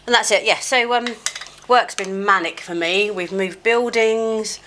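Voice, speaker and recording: Unhurried and sharp-toned, this chatty woman's mid-range voice is slightly chesty, with slight background noise behind it. As a beauty vlogger she rambles through a get-ready-with-me chat, scattered, self-mocking, and heavy on fillers. The small mic clipped near her is sometimes covered.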